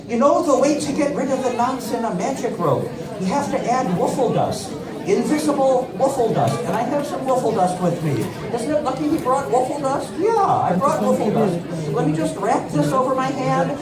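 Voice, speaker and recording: A man performing as a kids' party magician, with playful, exclaiming patter that often repeats phrases for young children. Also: very high voice. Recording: echoey room, distant mic, loud crowd. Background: loud audience of children.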